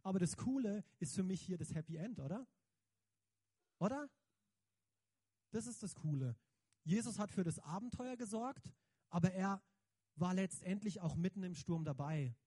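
A man giving a lively, conversational sermon, emphatic and slangy, often turning to the audience with questions. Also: high-pitched, moderate pace, pauses often, dry recording. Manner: emphatic, slangy, keeps asking the audience "right?". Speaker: preacher.

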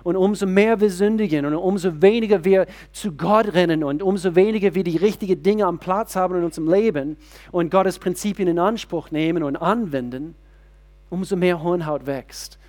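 Middle-aged man as pastor; sermon delivery, fairly high voice, many halting restarts. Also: a little mellow. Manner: searching restarts, rhetorical questions to the congregation.

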